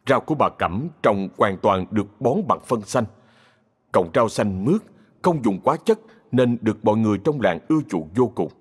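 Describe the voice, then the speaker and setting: Husky low-voiced male story narrator. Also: animated. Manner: measured storytelling. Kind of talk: scripted narration. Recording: long reverb.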